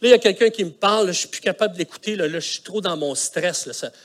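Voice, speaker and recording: A middle-aged pastor with a Quebec French accent preaches his sermon as a colloquial, animated story complete with vocal sound effects. His voice is high and he races along.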